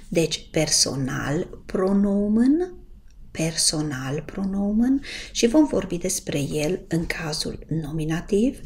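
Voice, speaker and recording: A woman teaching a casual language lesson, greeting her viewers and slowly drawing out the example words she wants them to pronounce. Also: lowish voice, a little mellow, a little hiss or hum. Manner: patient, drawn-out pronunciation of example words. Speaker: German teacher.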